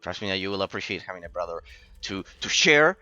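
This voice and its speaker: Casting: male game streamer, late 20s, Argentine accent, bright forceful voice, rambling casual delivery. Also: low voice, lively intonation, quick pace, smooth, no room sound, highs cut off, faint music behind. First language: Spanish. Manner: rambling, repeats phrases for emphasis. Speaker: live streamer. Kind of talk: casual chat to viewers during gameplay.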